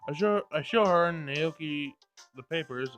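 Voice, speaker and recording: With game music in the background, a male streamer plays through a visual novel and voices its narration, stumbling now and then. He speaks at a moderate pace in a slightly high voice.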